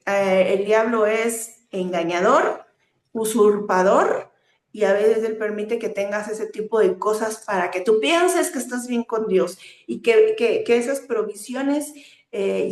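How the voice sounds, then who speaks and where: A woman's voice: on the high side, a little mellow. A woman preaching a sermon, teaching earnestly with rhetorical questions and frequent hesitant fillers. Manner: hesitant fillers between phrases. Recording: echoey room.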